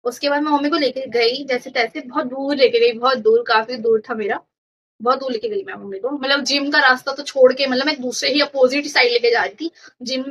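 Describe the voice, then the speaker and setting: A woman's voice: high-pitched, a little fast, husky, highs cut off. A young woman vlogger casually telling a funny story from her school days, acting out the lines of the people in it. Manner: chatty, animated retelling with quoted dialogue.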